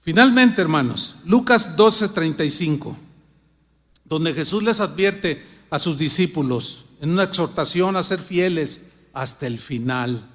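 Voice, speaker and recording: A middle-aged Mexican man preaching a sermon, telling everyday stories with humor and acting out his own thoughts, then reading scripture more slowly and loudly. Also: on the high side, animated, big-room sound. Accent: Mexican Spanish. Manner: reads scripture louder and slower. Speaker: pastor.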